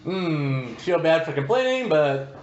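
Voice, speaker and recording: A man's voice: a little high, very animated, unhurried, a crowd in the background. A man in casual chat, telling an easygoing story. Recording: roomy, dull recording with noise behind.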